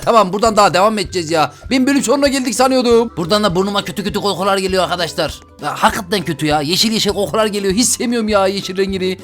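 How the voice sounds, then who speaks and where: A man hosting a let's play, giving game commentary in an excitable way, exclaiming and joking to his viewers as he plays. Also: high voice. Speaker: gaming channel host.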